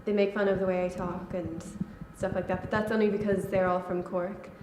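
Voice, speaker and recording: A woman's voice: mid-range voice, a little fast. A young woman, a college student, answers interview questions in a loose, casual way. Her answers are full of fillers like "um" and "like." She sounds like she is in an echoey room, with faint noise behind her. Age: young adult. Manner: relaxed, with frequent fillers like "like" and "um".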